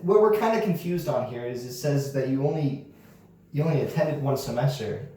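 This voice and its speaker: A young man playing a blunt, deadpan interviewer. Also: medium pitch, fairly quick, slight background noise, natural voice. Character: blunt, easily swayed young male interviewer. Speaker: interviewer in a comedy sketch. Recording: very echoey room, mic far off.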